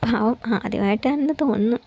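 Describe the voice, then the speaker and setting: Woman doing a sulky, affectionate young woman, somewhat high, mellow, muffled recording. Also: brisk, vocal fry, breathy edge. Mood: tender. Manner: pouting, affectionate. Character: young woman, sulky then tender lover.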